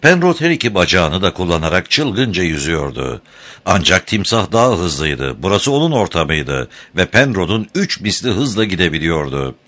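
A man narrating an audiobook chapter in an expressive, dramatic reading style. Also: low-pitched. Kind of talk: scripted narration.

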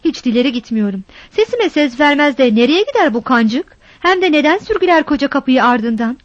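Brief: woman reader as a stern older village woman, sharp and scolding, high voice, muffled close recording. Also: sing-song, fairly quick, no echo. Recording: dull dry recording.

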